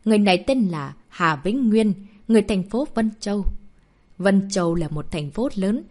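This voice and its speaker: A woman reads a martial arts novel aloud as an audiobook narrator. Her narration is expressive, and her pitch moves freely up and down to build the drama. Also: normal speed.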